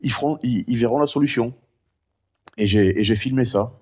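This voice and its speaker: A middle-aged man talking casually in a vlog, rambling and chatty with many fillers; one vocal cord is impaired, so he has no high head voice. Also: moderate pace, darkish tone, breathy edge. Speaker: vlogger recounting his cancer.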